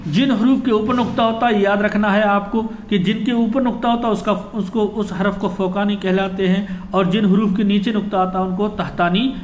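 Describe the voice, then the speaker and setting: A man's voice: sits high, fairly even intonation, few pauses. A male teacher giving an exam-prep lecture, explaining step by step and answering his own questions. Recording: echoey room with faint ambient noise.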